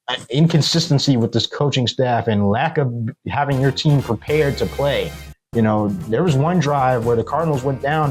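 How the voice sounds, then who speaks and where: A man hosting a solo sports recap, giving blunt, critical commentary. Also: mid-range voice. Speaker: sports video host.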